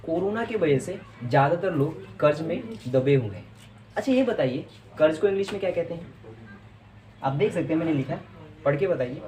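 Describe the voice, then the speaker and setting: A man teaching English pronunciation in Hindi, explaining each word patiently and repeating it slowly. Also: on the high side, lively intonation, darkish tone, a little hiss or hum. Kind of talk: explaining lesson to camera.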